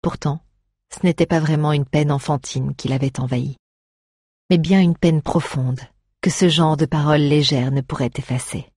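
A narrator telling a fantasy story in a measured, gently emotive way. The voice sits at a middle pitch and sounds slightly husky. The recording is dry and close. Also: fairly even intonation, no room sound. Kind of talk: scripted audiobook narration.

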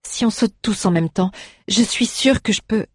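A woman's voice: medium pitch, normal speed, darkish tone, breathy edge, dry recording, clean studio sound, voice pushed up, lightly acted. A woman voicing a bold, reckless young girl heroine who speaks with urgent coaxing in a storybook. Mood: pleading. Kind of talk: storybook narration.

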